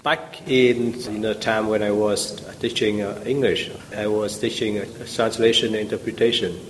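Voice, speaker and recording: Vietnamese-accented male guest, halting and filler-heavy, roomy reverb with low rumble. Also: level tone. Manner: hesitant, many fillers and restarts. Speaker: guest, language teacher. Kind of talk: conversational podcast interview.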